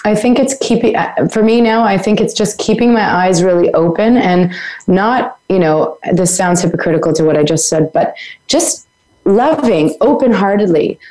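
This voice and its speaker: A woman interview guest talking reflectively and haltingly, thinking aloud. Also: medium pitch, mellow, poor audio.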